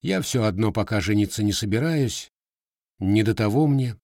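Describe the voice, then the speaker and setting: A man's voice: lowish voice, expressive, normal speed, a little mellow, dry recording, studio quality. A man voicing a guarded, scarred young Cossack with plain, blunt village speech.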